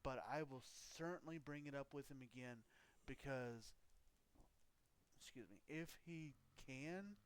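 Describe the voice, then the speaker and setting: A man's voice: mid-range voice, unhurried, smooth. A man chatting casually on a live stream, rambling and laughing between thoughts. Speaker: livestreamer.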